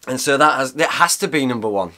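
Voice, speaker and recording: A man's voice: medium pitch, lively intonation, fast, bright, forceful tone. A man in his thirties talking casually to camera in a small cosy room, rambling and restarting his sentences. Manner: chatty and rambling, with frequent restarts and fillers. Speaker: outdoor cooking vlogger.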